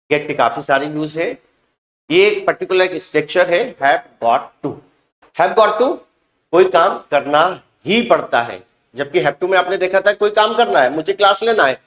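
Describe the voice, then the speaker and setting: High-voiced man teaching English grammar. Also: a bit bright, reverberant. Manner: explains slowly, repeats example sentences with emphasis. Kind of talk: spoken grammar lesson.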